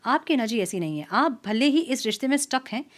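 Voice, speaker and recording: A woman's voice: a little high, lively intonation, fairly quick. Chatty woman giving a tarot reading. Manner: chatty, mixes English words into Hindi, frequent "so" and "theek hai". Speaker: tarot reader. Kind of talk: casual tarot reading monologue.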